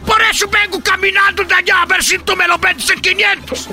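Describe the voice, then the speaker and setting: A man voicing a furious male customer haggling at a fair, shouting indignantly in a shrill, gravelly voice. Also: level tone, fairly quick, soft background music, full character voice.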